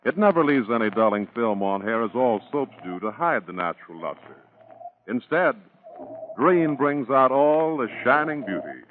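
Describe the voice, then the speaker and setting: A 1940s radio announcer with a mid-range voice delivers advertising copy in a polished, emphatic way. The broadcast sounds muffled, with music and background noise.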